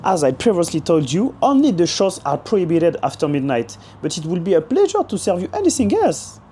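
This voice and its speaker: A hoarse young man role-playing a polite male bartender in English. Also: sits high, huge pitch swings, normal speed, dark tone, a little hiss or hum. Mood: firm. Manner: formal, apologetic.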